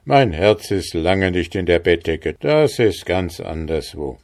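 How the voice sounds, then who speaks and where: A man doing a smug, ancient man from a storybook, low-voiced and unhurried. He speaks slowly and with full assurance, savoring every boast about his hidden heart. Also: animated, darkish tone. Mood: assured. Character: old man who cannot die, smug. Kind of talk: fairy tale reading.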